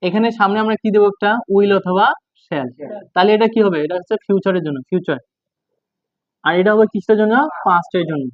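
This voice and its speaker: A man runs a casual English lesson, repeating each phrase and quizzing his listeners as he goes. His voice sits high, and the English examples come slow and spelled out. The sound is tinny and dry, close and narrow like a phone line. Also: no echo. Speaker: English teacher.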